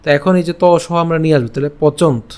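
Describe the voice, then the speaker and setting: A man's voice: fairly high pitch, fairly even intonation, fast, darkish tone, clean tone. A young man teaching Sanskrit pronunciation in an online lesson, breaking each word into syllables and asking the class rhetorical questions. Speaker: Gita recitation teacher.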